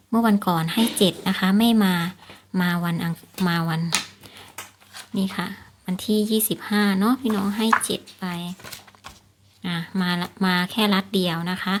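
Woman host chatting through tips, repeating points. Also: medium pitch. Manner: repeats points, often seeks agreement with polite particles. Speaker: lottery tips channel host. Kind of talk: casual explanatory vlog talk to viewers.

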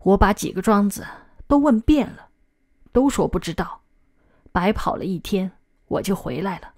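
A woman narrating a documentary-literature audiobook in a steady, measured storytelling voice. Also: medium pitch.

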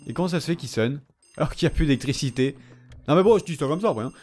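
A young let's play gamer gives casual commentary in a fairly high, expressive, darkish voice at a very fast pace. He chats with the on-screen characters, talks back to them, and swears in jest.

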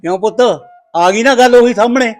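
A man's voice: very high voice, brisk. An actor playing a wronged father who scolds his wife and preaches old sayings. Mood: reproachful. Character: wronged father, stern and moralizing. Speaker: actor in a short film. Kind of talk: village family drama acting.

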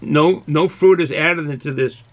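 Speaking at a measured pace in a voice on the high side, this Boston beer reviewer in his sixties talks casually and wanders a bit as he reviews for the camera. His Boston accent is thick, and he's filming in a small, cluttered hobby room indoors in Boston, United States.

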